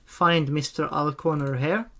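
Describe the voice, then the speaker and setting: A streamer giving an unscripted, hesitant gameplay tutorial, often pausing and repeating phrases. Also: mid-range voice, fairly even intonation, bright, forceful tone. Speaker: streamer and game tutorial host.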